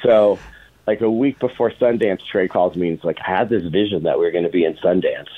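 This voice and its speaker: A middle-aged film producer with a low, husky voice tells casual stories as an interview guest, speaking briskly and informally while quoting past dialogue. The audio is thin and band-limited, like a phone line or radio.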